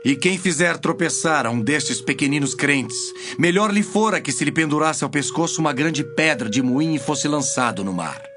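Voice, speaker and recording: A man's voice: fairly high pitch, lively intonation, background noise, lightly acted. A man playing Jesus as a grave, authoritative teacher in a dramatized scripture audio, with a Brazilian accent. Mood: earnest warning. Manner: solemn, measured, commanding.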